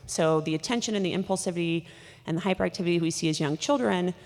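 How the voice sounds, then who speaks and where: Gravelly low-voiced woman lecturing in a hall. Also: darkish tone. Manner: rapid, with many fillers and restarts. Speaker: doctor presenting at a conference. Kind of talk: conference lecture. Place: large conference hall. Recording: hall reverb.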